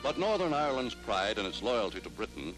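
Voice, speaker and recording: A man's voice: on the low side, very animated, fairly quick, music in the background, rough recording. A man giving formal, declamatory documentary narration on an old newsreel soundtrack. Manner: formal, declamatory announcer delivery.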